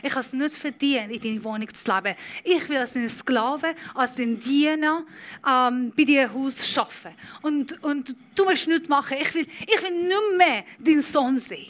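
A woman preacher voicing a repentant young son who pleads haltingly in a sermon. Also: high voice, a bit bright. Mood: ashamed.

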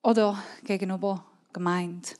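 A woman with a Swiss German accent preaching a sermon, earnest and emphatic, repeating key words and sometimes dropping to a soft, near-whispered tone. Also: medium pitch, fairly even intonation, moderate pace.

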